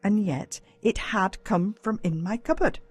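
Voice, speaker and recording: Faint music plays behind a woman with an Australian accent as she narrates a children's audiobook, a scripted first-person story full of drama and suspense. She speaks a little slowly in a husky, medium-pitched voice with lively intonation.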